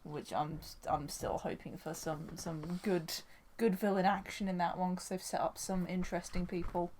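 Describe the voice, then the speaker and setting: A woman's voice: fairly low pitch, steady tone, moderate pace, a little mellow, slight background noise. Chatty woman hosting a fan podcast, eager and rambling. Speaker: podcast host. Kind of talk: casual chat.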